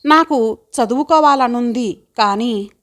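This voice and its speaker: Earnest young woman, heartfelt and pleading, a bit high, for an audiobook, read by a woman. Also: slow, fairly bright tone. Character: earnest young village woman eager to study.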